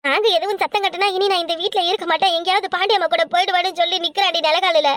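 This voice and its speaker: A woman voicing a sharp-tongued old village mother-in-law in a cartoon, blunt and scornful, with a southern Tamil accent. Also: very high voice, steady tone, very fast, no echo, studio quality. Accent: southern Tamil Nadu.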